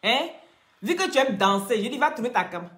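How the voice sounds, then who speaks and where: Her voice on the high side, sing-song and fairly bright, this Cameroonian live streamer talks fairly quickly in a reverberant space. With a Cameroonian French accent, she scolds and mocks, going over her points again and laughing now and then.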